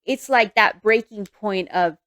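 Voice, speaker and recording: A woman in her thirties co-hosting a casual chat, talkative and agreeable, quick to laugh. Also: medium pitch, fairly bright tone, no room sound, clean studio sound. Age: 30s. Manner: chatty, agreeing often, laughing easily. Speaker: podcast co-host.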